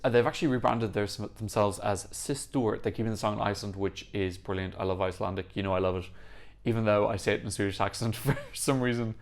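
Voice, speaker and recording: With a fairly low pitch and a fast delivery, a young man runs a Eurovision reaction channel. He chats with enthusiasm, gushing as he casually breaks down the music.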